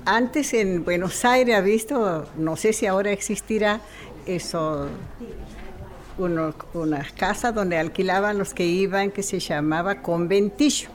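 A woman's voice: medium pitch, close to an everyday voice. Comic bit: woman doing an old country firewood seller, folksy joker, plain mid voice. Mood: folksy, amused. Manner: homespun, drawn-out storytelling with acted quotes. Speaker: comic storyteller. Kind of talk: folksy joke telling.

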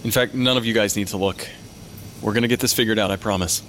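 A man's voice: fairly low pitch, steady tone, fast talker, a bit bright, slight background noise, close to an everyday voice. A man playing a weary, matter-of-fact medical examiner who talks to ghosts in an audio drama. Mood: apologetic, reassuring. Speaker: pathologist.

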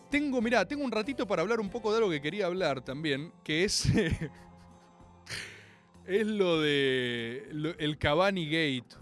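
A man with a Rioplatense Spanish accent hosting a comic monologue, animated, theatrical and full of slang. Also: sits high. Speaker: host.

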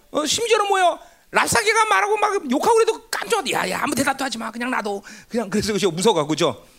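A woman giving a sermon-style Bible lecture. She keeps asking her listeners rhetorical questions and answers them herself, with emphatic bursts and sudden low, hushed asides. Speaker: Bible teacher.

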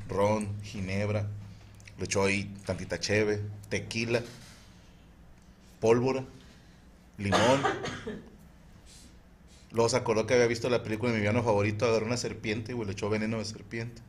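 A man with a Mexican Spanish accent, a podcast co-host telling crude jokes in casual chat, animated and breaking into laughter. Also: on the low side, normal speed, long pauses, a little hiss or hum.

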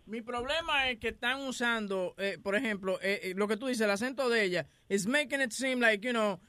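A man co-hosting a radio talk show, lively and laughing as he argues, switching between Spanish and English. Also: high voice, a little fast, dry recording. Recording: noisy background.

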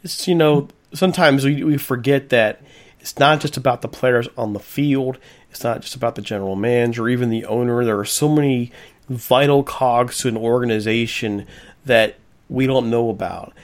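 A man's voice: medium pitch, moderate pace. A man hosting a sports talk radio show, speaking directly and addressing his listeners as folks.

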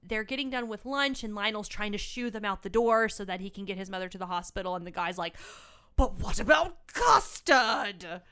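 A young adult woman co-hosts a casual podcast chat about a film. Her voice is smooth and clean at a middle pitch, and she talks in a lively, expressive way with frequent laughter. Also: fast talker, hardly any pauses. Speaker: podcast co-host.

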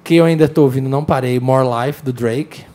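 A man guest in a casual chat, relaxed and often trailing off softly. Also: medium pitch, brisk.

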